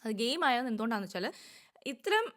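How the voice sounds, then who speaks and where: A woman giving casual, opinionated commentary on a reality show, talking quickly and at length. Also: a little high, sing-song, a bit bright. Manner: opinionated, rapid and talkative.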